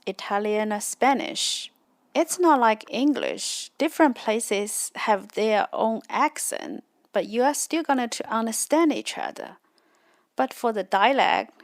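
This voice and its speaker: Slow, soft-spoken woman. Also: on the high side, dry recording. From China. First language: Chinese. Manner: patient, explains slowly with examples. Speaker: host. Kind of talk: educational explanation.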